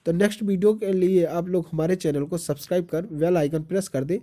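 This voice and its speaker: A teacher reading exam-prep notes aloud, repeating each point as a question and then answering it. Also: male voice, sits high, steady tone, a little fast, dark tone.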